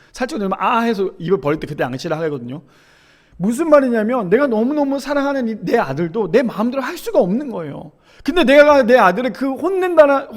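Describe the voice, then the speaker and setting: A man in his thirties, a pastor preaching a sermon in a church, swinging from loud emphasis to hushed lines. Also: high-pitched.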